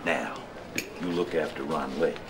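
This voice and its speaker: An actor playing a crooked, scheming old small-town lawyer who talks in a smooth, folksy, often hushed and whispery way. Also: male voice, extremely low pitch, steady tone, a little slow, heavy background noise. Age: older.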